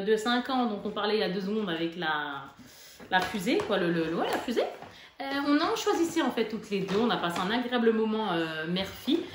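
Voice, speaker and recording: Chatty mother in an echoey room. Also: on the high side. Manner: chatty, chummy, lots of fillers. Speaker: vlogger, mother. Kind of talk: casual haul vlog chat. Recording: echoey room with background noise.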